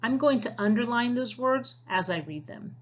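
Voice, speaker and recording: Her voice is slightly high with lively intonation and a moderate pace, on a muffled recording. She's a teacher reading a picture book aloud to young pupils for a science lesson, giving instructions and asking prompting questions.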